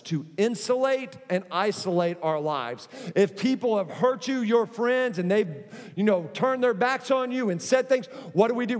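A man with a high voice preaches a sermon in a large church auditorium, where his words trail off in long reverb. His delivery is emphatic and built on repetition, with joking asides mixed in. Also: darkish tone. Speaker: pastor.

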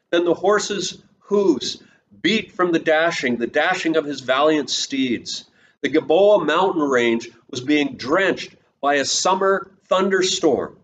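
A slightly high-pitched man preaching from the pulpit, telling the story with bursts of voiced dialogue. The recording sounds a little dull and carries a faint hiss. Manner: retells the story and quotes its people in lively snatches of voice. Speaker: pastor. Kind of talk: sermon storytelling.

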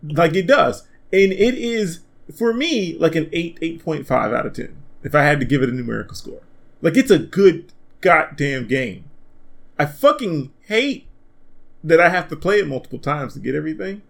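Podcast host, man, lively gravelly delivery with a raised pitch, swears freely. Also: moderate pace. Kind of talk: casual gaming podcast chat.

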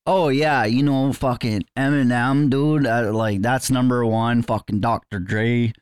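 Man doing a crude cocky young rapper, swearing nonstop, calls everyone bud, dry close sound, mid pitch. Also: steady tone, measured pace, smooth, no echo, close to an everyday voice. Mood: brash. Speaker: guest. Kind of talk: improvised comedy interview.

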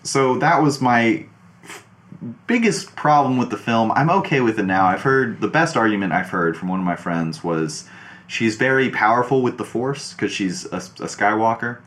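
A man with a somewhat low voice in a relaxed conversation. He talks loosely and casually, drops an occasional swear word and acts out his own reactions. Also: normal speed. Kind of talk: casual movie discussion.

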